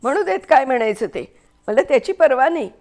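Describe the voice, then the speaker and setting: A woman voicing a sharp-tongued young wife who scolds loudly in a high voice. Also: sing-song, measured pace, exaggerated voice. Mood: shrieking. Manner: high, loud and nagging.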